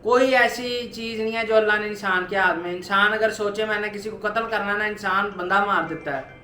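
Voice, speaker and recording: A young man in his twenties with a high-pitched voice speaks straight to his viewers in a personal vlog. He talks earnestly and keeps circling back to the same urging points. The room gives his voice a strong echo, with faint noise underneath. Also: steady tone, fairly quick, pushed and bright. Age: 20s. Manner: earnest, repetitive motivational urging. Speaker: vlogger. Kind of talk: personal weight-loss vlog.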